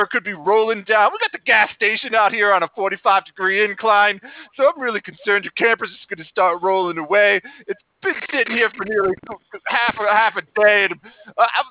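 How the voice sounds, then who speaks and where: A man's voice: high-pitched, no room sound. A man playing a stammering, worried gas station owner leaving a voicemail, heard over tinny call audio. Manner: halting, stammering repeats. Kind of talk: improv comedy voicemail.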